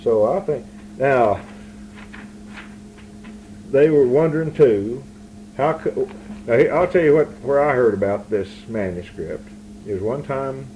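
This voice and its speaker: A man's voice: mid-range voice, unhurried, pauses often, highs cut off. Rambling male interviewer on a noisy tape. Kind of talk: casual conversational interview. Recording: noisy 1981 amateur interview recording.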